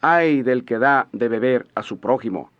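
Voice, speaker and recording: A man interpreting a sermon in a steady, measured voice-over. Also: medium pitch. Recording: dull lo-fi audio.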